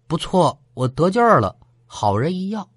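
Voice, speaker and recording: Scornful young braggart, voiced by a man, mocking, blustering, lively swoops in pitch, dry sound. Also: normal speed, slightly rough, dry recording. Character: brash, irreverent young man, scornful and loud.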